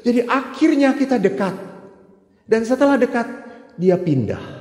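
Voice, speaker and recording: A man's voice: very high voice, measured pace, noisy background. Man, priest, sermon, acts out dialogue, long hall reverb. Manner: animated storytelling, acting out both sides of dialogue. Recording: echoey hall recording.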